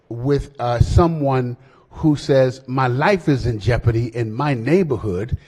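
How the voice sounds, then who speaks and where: Halting man speaking in an echoing chamber. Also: mid-range voice, a little mellow. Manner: halting, many fillers and restarts. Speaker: senate floor leader. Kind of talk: legislative floor speech. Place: legislative chamber. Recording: long hall reverb.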